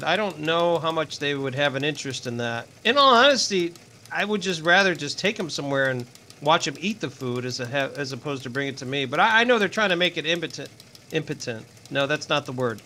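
A middle-aged man co-hosting a casual podcast, rambling with wry, deadpan humor. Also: fairly high pitch, brisk, a little hiss or hum. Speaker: podcast co-host. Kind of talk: casual chat.

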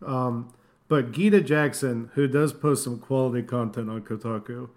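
A man's voice: medium pitch, moderate pace, a little mellow. A man co-hosting a casual gaming podcast, chatty, with fillers and frequent laughter. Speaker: podcast co-host.

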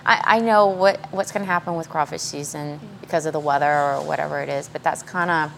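A woman's voice: sits low, fairly even intonation, a little fast, gravelly, a bit bright, slight background noise. Blunt woman chef. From South Mississippi. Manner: blunt, straightforward, laughs easily. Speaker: Cajun restaurant chef. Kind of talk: casual panel talk.

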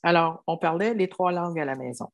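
She talks fairly quickly in a voice on the low side. An elderly Quebec woman in her seventies with a Québécois French accent, she is interviewed about her life and reflects on it earnestly, restarting often and saying "tu sais."

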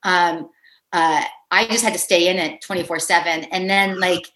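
A middle-aged woman from Pittsburgh talking casually as an interview guest. Her voice is bright and clear, and she tells her stories with lots of laughter, slipping into quoted voices. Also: lowish voice, fairly even intonation, moderate pace. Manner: chatty, laughs often, acts out quoted voices. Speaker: actress guest.

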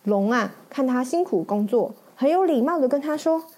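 Woman storyteller, high voice, lively picture-book reading to a child. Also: moderate pace, slight background noise. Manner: animated, with sound effects and questions to the listener.

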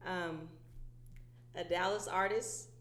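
A woman co-hosting an interview, asking questions in a relaxed way with lots of fillers. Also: fairly low pitch, slow. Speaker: podcast co-host. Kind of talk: casual interview chat. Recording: roomy echo.

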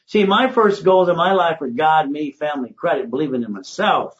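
An older man, a credit consultant, giving an emphatic, preachy motivational monologue that swings between loud and hushed. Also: a little high, brisk, highs cut off.

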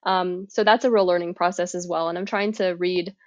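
A woman author as a podcast guest, chatting casually and haltingly with self-deprecating asides. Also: fairly low pitch, fairly even intonation, dry recording. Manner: self-deprecating, informal, halting and thinking aloud. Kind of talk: casual interview chat. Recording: dry, slightly dull audio.

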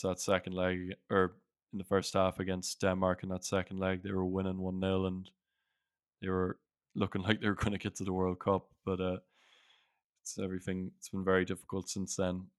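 A man's voice: low voice, smooth, dry recording, studio quality. A man with an Irish accent hosting a casual chat about sport. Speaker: podcast host.

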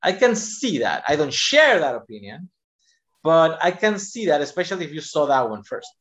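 A man's voice: a little high, big pitch swings, normal speed, a bit bright, highs cut off. A man talking enthusiastically about films as a podcast guest in casual conversation, often restarting his sentences. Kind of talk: casual film discussion.

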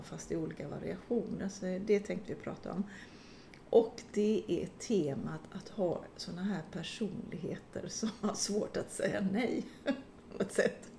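A middle-aged woman chats casually on a podcast, spinning a funny personal story. She is lively and laughs often, with swears mixed in, and her voice is medium in pitch. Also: vocal fry, slight background noise. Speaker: podcast co-host.

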